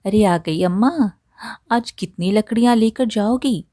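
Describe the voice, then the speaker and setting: Good-natured storybook woodcutter, voiced by a woman; easygoing and unhurried, dry close sound. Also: medium pitch, mellow, dry recording, lightly acted. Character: kind-hearted village woodcutter man.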